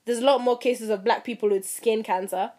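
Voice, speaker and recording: A young woman from Kenya ranting casually to her viewers, animated and laughing, swearing freely and mimicking people. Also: fairly quick. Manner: animated, swearing, mimics others in high voices, laughs at herself. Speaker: vlogger. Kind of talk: casual rant to camera.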